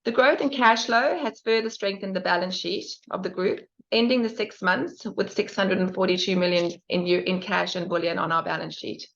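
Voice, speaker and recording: Reading financial figures formally and carefully, a woman executive presents results with a few small stumbles. Her mid-range voice is creaky, moving at a moderate pace with few pauses, heard over dull, band-limited conference call audio.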